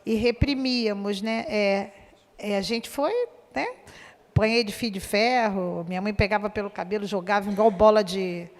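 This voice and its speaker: A woman's voice: mid-range voice, fairly even intonation, normal speed, long reverb tail. A woman in her sixties telling a personal story in class, chatty, often adding tag questions. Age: 60s. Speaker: student.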